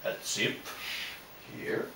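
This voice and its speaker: Man talking slowly through a face mask. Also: sharp tone, slight background noise. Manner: halting, with frequent "well" pauses. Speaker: costume and mask reviewer. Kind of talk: casual product review vlog.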